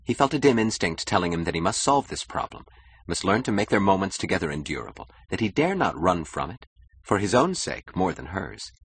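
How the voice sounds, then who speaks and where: A man narrating a literary novel as an audiobook in a measured, expressive reading. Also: sits low, husky, dry recording.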